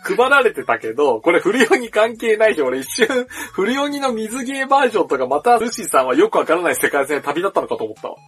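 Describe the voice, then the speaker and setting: A man's voice: high voice, very animated, fast, few pauses, fairly bright tone, breathy edge. A man hosting a casual podcast chat over a video call, laughing often and teasing the others. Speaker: podcast host. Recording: video call with music behind.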